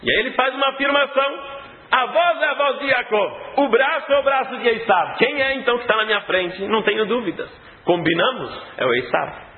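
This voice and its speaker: High-voiced male teacher on a tinny line. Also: brisk. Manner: animated, acts out the story, clears his throat often. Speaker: religious teacher. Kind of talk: Torah lesson storytelling. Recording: tinny phone-like sound in an echoey hall.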